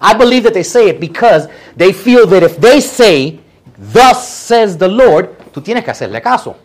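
A man preaching a sermon, animated, acting out quotes playfully. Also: high-pitched, moderate pace. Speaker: pastor.

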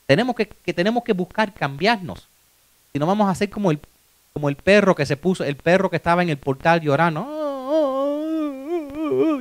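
A man in his fifties preaching a motivational sermon, animated, dropping English words and acting out voices. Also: on the high side, no room sound. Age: 50s.

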